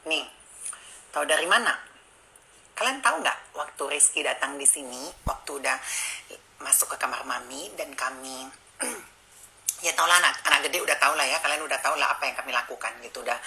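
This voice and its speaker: Animated, bright-voiced woman streamer. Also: low-pitched, slight background noise, low-quality recording. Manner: chatty, confiding, addresses viewers directly; animated, swings between hushed and excited. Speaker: live streamer. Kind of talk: casual storytelling to a live audience.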